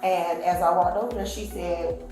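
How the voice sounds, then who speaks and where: A woman talks to police, her low voice winding through a story and slipping into the voices of the people she quotes. The room is very echoey, and faint music plays underneath. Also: fairly even intonation, moderate pace. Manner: rambling storytelling, acting out quoted speech. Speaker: witness. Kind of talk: recounting events to police.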